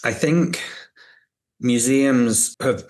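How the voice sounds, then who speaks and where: A man in his fifties with a Northern English accent softened by American, telling his own story reflectively as an interview guest, often repeating words as he goes. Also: mid-range voice, very slow. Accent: Northern English softened by American, transatlantic. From Northern England. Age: 50s. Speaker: podcast guest, museum director. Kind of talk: conversational interview, personal storytelling.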